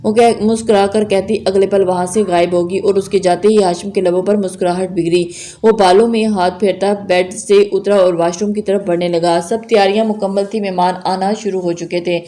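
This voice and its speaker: A woman reads a romantic novel aloud in a calm, even storytelling manner. Her voice sits at a middle pitch, and the reading is steady. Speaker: novel reader.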